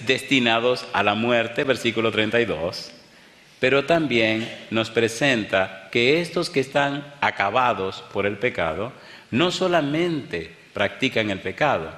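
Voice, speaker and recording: A man preaching a sermon as a pastor, telling stories with bursts of excitement and hushed quiet moments before a live congregation. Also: medium pitch. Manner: animated storyteller, swings from excited outbursts to hushed tones. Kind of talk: sermon with storytelling. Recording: echoey hall, faint background noise.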